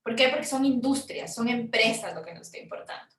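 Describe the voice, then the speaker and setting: A Chilean woman, a film producer, explaining funding forms in a frank, conversational workshop talk with quick asides. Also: a little high, animated, fairly bright tone, echoey room, recorded from a distance. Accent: Chilean Spanish.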